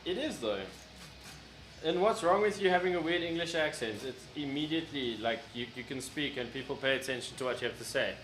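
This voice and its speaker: A man's voice: fairly high pitch, brisk, a bit bright. A man in casual chat, teasing his friend in loose, profane banter. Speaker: tattoo apprentice and podcast host. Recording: echoey room with music behind.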